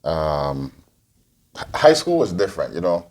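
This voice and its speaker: A man's voice: low-pitched, very animated, measured pace, darkish tone. A man in his forties, from Guyana and raised in Antigua, answering interview questions as a podcast co-host, rambling with many restarts. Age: 40s.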